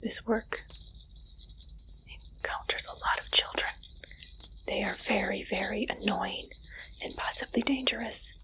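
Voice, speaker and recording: A woman with a medium-pitched voice whispers in a soft, breathy way as an interviewer in ASMR roleplay. She speaks slowly and deliberately with a deadpan tone, and the audio is poor.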